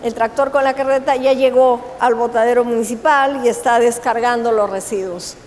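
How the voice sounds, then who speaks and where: A woman giving a conference presentation, explaining in a measured way with pauses and self-corrections. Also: fairly high pitch, fairly even intonation, darkish tone, a little hiss or hum. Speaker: conference speaker. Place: conference hall. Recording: long hall reverb, faint ambience.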